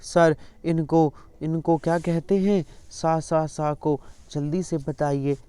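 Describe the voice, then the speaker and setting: A man's voice: fairly high pitch, little pitch movement, slow pace, mellow, smooth, no room sound. A male teacher running an exam-prep lesson, repeatedly coaxing students to answer his questions.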